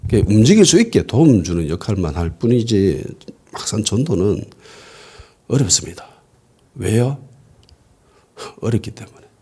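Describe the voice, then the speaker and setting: A man's voice: fairly low pitch, moderate pace, husky. A man, a pastor preaching a conversational sermon and asking the congregation questions. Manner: lively, asks the congregation rhetorical questions. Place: church worship service.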